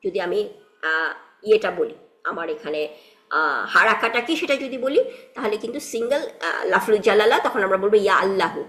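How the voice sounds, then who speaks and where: A woman's voice: medium pitch, a bit bright. A woman teaching an Arabic grammar class online, explaining step by step, asking students questions and mixing in English words. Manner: mixes English words into her talk; frequent tag questions and fillers.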